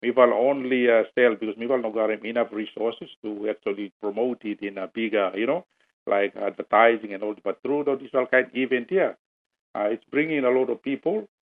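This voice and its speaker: A man with a Solomon Islands accent answering interview questions haltingly in Solomon Islands Pijin mixed with English. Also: mid-range voice, steady tone. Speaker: company marketing manager being interviewed. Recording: tinny, phone-like radio audio.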